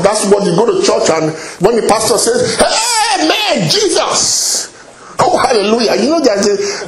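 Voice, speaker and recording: High-voiced preacher in an echoey hall. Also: male voice. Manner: animated, exclaims hallelujah and praise God often; repeats and restarts phrases. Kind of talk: sermon.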